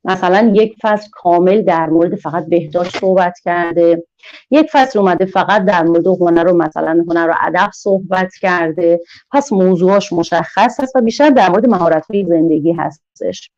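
A woman giving an online teacher-training lecture, drawing words out slowly in a sing-song teaching manner. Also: fairly low pitch, a little mellow, dull audio. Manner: slow, sing-song, drawn-out teaching delivery.

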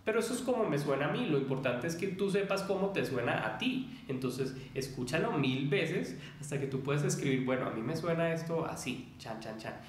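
A man's voice: fairly high pitch, lively intonation, a little fast, hardly any pauses, a little hiss or hum. Man teaching English rhythm, echoey room. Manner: explanatory, demonstrates rhythms with sung syllables. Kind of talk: video lesson on English pronunciation.

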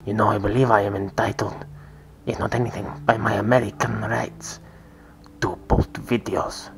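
A man's voice: on the low side, level tone, normal speed, creaky, a little hiss or hum. A man voicing a scheming, vengeful talking banana with a put-on Mexican accent in a homemade comedy sketch, often dropping to a sinister whisper. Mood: threatening. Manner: hushed, sinister whispering asides.

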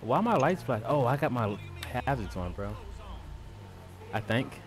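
A man's voice: medium pitch, very animated, unhurried, faint music behind. A man streaming a driving game, talking casually to his viewers and friends with lots of fillers and slang. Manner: laid-back slangy talk with frequent fillers. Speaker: streamer and server owner. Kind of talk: casual gaming stream chat.

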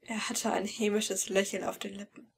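A woman's voice: medium pitch, level tone, normal speed, creaky, slight background noise. A woman reading a fan-fiction audiobook in first person, with emotional, tense storytelling. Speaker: audiobook reader.

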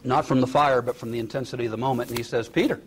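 A man preaching a sermon, retelling a story with sudden rises in pitch and drops to a near hush. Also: steady tone, rapid-fire, background noise. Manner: dramatic retelling with acted quotes, rising and dropping to a hush.

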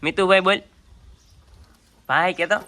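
Low-voiced woman vlogging her family day. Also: steady tone, measured pace, pushed and bright. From Gujarat, India. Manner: chatty, coaxing a child to talk. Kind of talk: casual family vlog narration.

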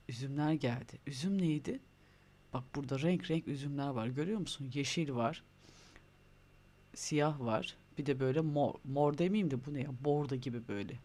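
A man with a gravelly, fry-edged voice leads young children through new English words. He speaks with a Turkish accent, pitched a little high, and keeps cheering them on to say each word back to him. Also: dark tone. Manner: encouraging, prompting children to repeat words. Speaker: primary school English teacher. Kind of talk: online lesson for young children.

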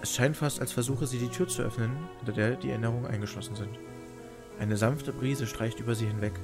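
Mid-pitched man narrating a story over music. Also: fairly even intonation, fast. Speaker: gamer reading game story aloud.

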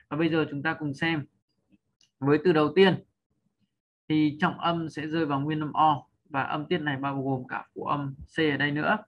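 Patient man teaching pronunciation, higher voice. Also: muffled recording. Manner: patient, checks in often with rhetorical questions; draws out and lifts model sounds for learners. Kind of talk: spoken lesson explaining over slides.

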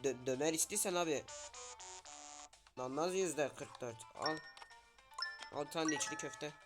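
Male gaming streamer, casual running talk with loud outbursts, faint music bed. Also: on the high side, unhurried. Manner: talks to game characters, loud sudden outbursts. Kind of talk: casual game commentary.

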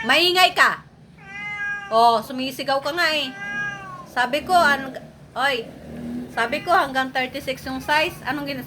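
A woman's voice: sits high, noisy background. A woman chatting playfully to her pet cat, teasing it and singing to it with bursts of laughter.

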